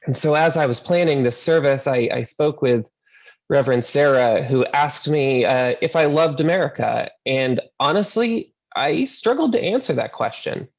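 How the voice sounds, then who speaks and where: Earnest man preaching, gravelly voice, mid pitch, story-driven sermon. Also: a little mellow, highs cut off. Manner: earnest storytelling, repeats words when starting. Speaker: seminary intern preacher.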